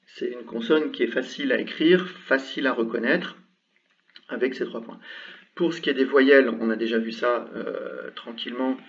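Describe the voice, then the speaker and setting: A man teaching an Arabic lesson, explaining patiently and sounding out example syllables slowly with many hesitations. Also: medium pitch. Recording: dull sound from a distance from the mic.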